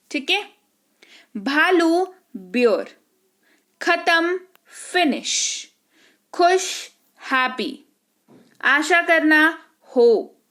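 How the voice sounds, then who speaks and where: A woman's voice: high voice, fairly bright tone. A woman teaching English vocabulary, explaining each word patiently and checking that the listener follows. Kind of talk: vocabulary lesson.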